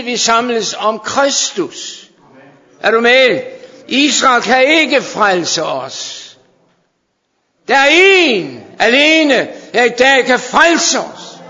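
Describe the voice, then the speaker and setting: A man preaching a fervent sermon to his congregation, sometimes dropping to hushed intensity. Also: a little high. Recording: dull sound in a long-reverb hall.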